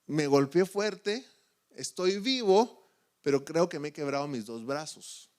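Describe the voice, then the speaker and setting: A man voicing an injured adult man who stays stoic while clinging on, speaking slowly and emphatically. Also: on the high side, expressive, a little mellow. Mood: strained.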